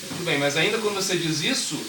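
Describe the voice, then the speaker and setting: Playing a swami, a man gives an informal, conversational spiritual talk, putting questions to the audience and acting out voices. His pitch is fairly high and his pace quick. The room echoes, the mic is far away, and there's noise.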